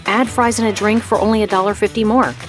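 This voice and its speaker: A woman's voice: mid-range voice, steady tone, fast, soft background music. A woman voicing recorded phone message prompts, with a polished, friendly automated-greeting delivery.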